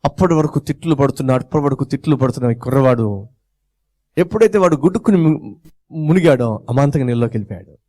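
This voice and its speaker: A man preaching a sermon who tells a story, repeats phrases for emphasis and acts out the voices in it with big swings in pitch. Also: expressive, fast, dark tone. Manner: addresses listeners directly and repeats phrases for emphasis.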